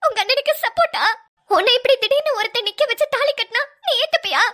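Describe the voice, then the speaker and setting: A woman's voice: extremely high pitch, animated, fast talker, bright, forceful tone, exaggerated voice. A woman voicing a hurt, tearful young woman in a cartoon, who speaks in a reproachful, sobbing way. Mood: bitter. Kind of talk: cartoon voice acting.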